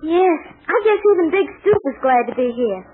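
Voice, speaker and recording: An actress in a 1940s radio drama playing a cheerful young woman traveler, chatting brightly. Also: high voice, expressive, moderate pace, slight background noise. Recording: phone-like old radio transcription.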